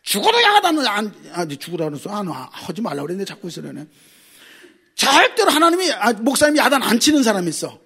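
A middle-aged man preaching a sermon as a pastor, animated and swinging between loud exclamations and quiet asides. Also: high voice, quick pace, breathy edge.

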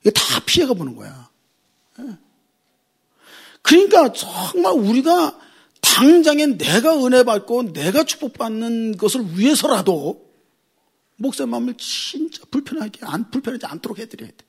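A middle-aged man preaching a sermon as a pastor, with lots of rhetorical questions and a husky voice. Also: extremely high pitch, very animated, moderate pace, pauses often.

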